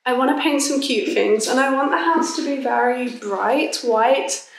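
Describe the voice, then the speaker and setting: A woman's voice: fairly high pitch, a little hiss or hum. A woman in her twenties, vlogging casually to a handheld camera at arm's length in an empty small house, chatty and upbeat. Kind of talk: casual vlog narration. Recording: echoey empty rooms.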